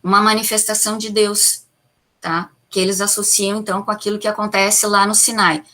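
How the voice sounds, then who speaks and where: Speaking a little fast, this Brazilian woman has a mid-range voice with a flat but pushed, bright delivery. She leads a classroom Bible lesson with patient explanations, asking questions and supplying the answers herself. Her Brazilian Portuguese-accented sentences are peppered with checks such as "tá?" and "né?".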